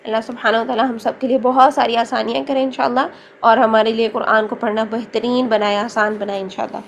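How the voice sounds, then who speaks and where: A woman's voice: a little high, little pitch movement, gravelly, a little hiss or hum. A woman teaching Quran reading in a recorded online lesson, with a Pakistani Urdu accent, patiently drilling syllables and checking in with "theek hai" along the way.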